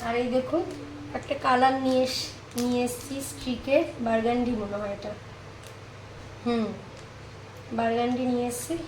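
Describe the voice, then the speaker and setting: Woman from India, high pitch, casual kitchen vlogger talking viewers through her cooking. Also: fairly even intonation, normal speed, pauses often, a little hiss or hum, low-quality recording. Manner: chatty, narrates each kitchen task to viewers. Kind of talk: casual cooking vlog narration. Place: home kitchen.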